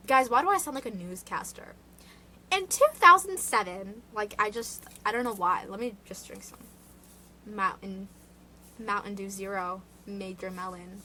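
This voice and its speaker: Chatty rambling woman vlogger, bright voice. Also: medium pitch, steady tone, normal speed, slight background noise, rough recording. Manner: rambling, many "like" fillers, chatty asides. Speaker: true crime vlogger. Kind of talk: casual chat retelling true crime cases. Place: indoor room.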